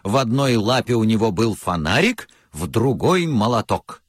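A man's voice: on the low side, big pitch swings, moderate pace, breathy edge, no room sound, clean studio sound. A man narrating a children's story from a script with lots of expression.

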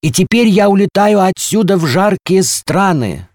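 A man's voice: expressive, unhurried, a little mellow, dry recording, studio quality. A dreamy storybook balcony that fancies itself a bird, put on by a man. It speaks earnestly and wistfully, its voice lifting well above the reader's own and swooping widely. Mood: bold. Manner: earnest, wistful, lifting high on proud claims. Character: dreamy little balcony who believes it is a bird.

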